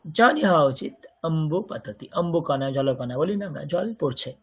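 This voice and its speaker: Slightly high-pitched and a bit bright, with a slightly rough texture, a man speaks at a moderate pace with lively intonation. He has a Bengali accent and is giving an online Sanskrit grammar lesson, patiently explaining and repeating words for his students.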